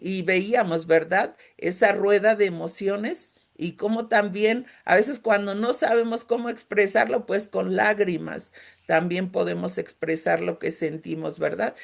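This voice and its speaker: A middle-aged woman speaks with a Mexican accent, and her mid-pitched voice carries a gravelly texture. She leads a faith-based grief workshop in a gentle, emotional way. She keeps checking in with her listeners as she talks. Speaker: grief support group leader.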